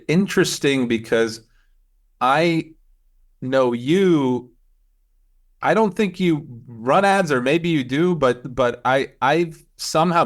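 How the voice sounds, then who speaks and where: A man from Switzerland, a producer-director guest in a casual interview chat, easygoing and self-deprecating. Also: medium pitch.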